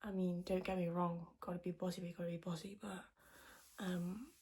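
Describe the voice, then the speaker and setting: A woman podcast host whispering in a hushed, quiet voice so as not to wake anyone, chatting casually in a rambling, self-deprecating way. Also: fairly low pitch, little pitch movement, moderate pace. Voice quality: whispered, breathy voice. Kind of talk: casual chat to podcast viewers.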